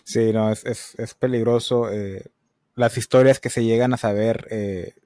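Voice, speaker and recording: A man's voice: fairly low pitch, warm tone, no room sound, clean studio sound. A man hosting a podcast interview, asking questions conversationally with some repeated words. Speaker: podcast host. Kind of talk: casual interview.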